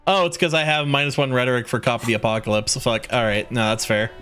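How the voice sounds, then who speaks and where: A man's voice: mid-range voice, steady tone, quick pace, fairly bright tone, clear, resonant tone. A man giving casual, profane, joking commentary while streaming a game.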